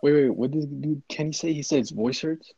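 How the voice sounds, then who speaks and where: A man's voice: fairly high pitch, fairly quick, dark tone, breathy edge, no echo. A young man joining a podcast chat, teasing and joking, heard over dull call audio. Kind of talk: casual chat.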